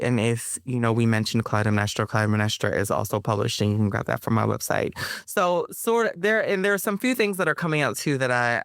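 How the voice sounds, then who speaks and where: In a dry studio-quality recording, a woman speaks with a very deep voice and vocal fry. As an author and performer in a casual interview, she answers in a loose, rambling, playful way, often saying um and starting over.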